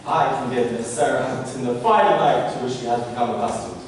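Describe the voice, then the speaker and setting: A man's voice: medium pitch, brisk, close to an everyday voice. A man playing a pompous, vain, wealthy suitor rehearsing a marriage proposal in a theatrical comic style, grandly declaiming and easily exasperated. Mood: pompous, flustered. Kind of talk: theatrical stage comedy acting. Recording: echoey hall from far off, noisy.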